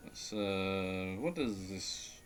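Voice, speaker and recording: A man's voice: deep voice, lively intonation, drawn-out words, music in the background. A man streaming live, chatting casually and with a self-deprecating tone as he thinks aloud while he draws.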